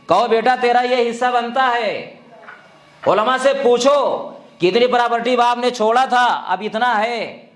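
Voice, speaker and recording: A man delivers a sermon, urging his listeners on and firing rhetorical questions at them. His voice sits high for a man. The recording carries a noticeable room echo. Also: a bit bright. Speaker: preacher.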